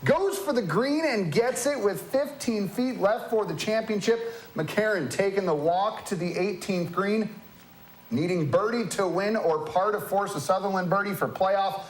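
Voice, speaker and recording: A man narrating scripted golf highlights as a commentator, with playful, colloquial quips. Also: a little slow, reverberant, poor audio. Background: music.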